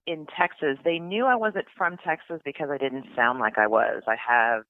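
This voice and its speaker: Over a tinny, dry phone connection with no echo, a middle-aged Californian woman talks casually as an interview guest. Her low voice is broken up often by ums and restarts.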